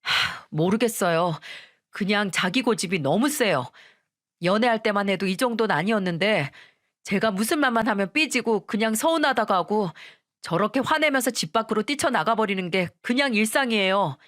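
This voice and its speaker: A woman's voice: mid-range voice, animated, normal speed, fairly bright tone, lightly acted. Woman doing a weary complaining grown son.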